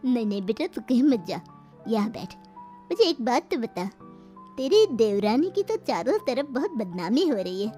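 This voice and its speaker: A woman's voice: fairly high pitch, sing-song, moderate pace, dark tone, soft background music. A woman voicing a fussy, gossiping middle-aged mother in a cartoon story, bossy and full of warnings.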